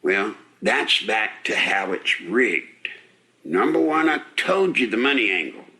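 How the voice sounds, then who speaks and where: A man's voice: fairly low pitch, lively intonation, a little slow, bright, forceful tone. An older man hosting a live talk radio show, out of breath, rambling folksy and indignant with rhetorical questions. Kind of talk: live call-in radio commentary.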